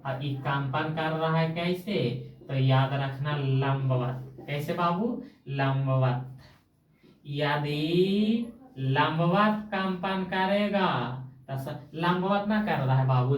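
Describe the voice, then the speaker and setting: A woman's voice: low voice, slow pace. A woman teacher with a Magahi-tinged Bihari Hindi accent, teaching a coaching-class science lesson in a colloquial, homely way, quizzing the class with call-and-response questions. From Bihar, India. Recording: echoey room, voice far from mic.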